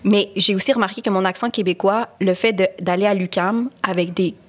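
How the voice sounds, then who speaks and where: Quebec French woman, casual podcast co-host, animated storyteller, mid pitch. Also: brisk. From Canada. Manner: animated storytelling with voiced quotes and laughs; switches into English words. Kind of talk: casual chat.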